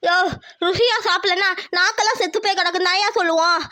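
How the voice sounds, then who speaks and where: A woman's voice: very high voice, fairly even intonation, fast talker, bright, forceful tone, no room sound, studio quality. A woman voicing a grumbling old village woman in a cartoon, wailing and scolding over a burnt tongue. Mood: complaining.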